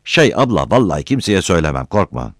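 A man voicing a loud, greedy, simple-minded village man with a thick voice. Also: sits low, big pitch swings, fast, no room sound, clean studio sound, full character voice. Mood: wheedling. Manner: shouting, wheedling.

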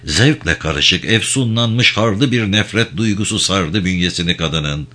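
A man's voice: low-pitched, expressive, a little slow, bright, forceful tone. A man reading a novel aloud in intense, emphatic dramatic narration.

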